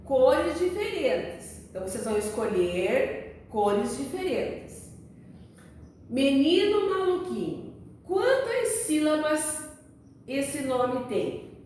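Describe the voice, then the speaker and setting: A woman teaching a primary school class, explaining patiently and repeating words slowly so young children can follow. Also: high voice, big pitch swings, a little mellow, far from the mic, a little hiss or hum. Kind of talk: recorded remote class lesson. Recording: very echoey room, voice away from the mic.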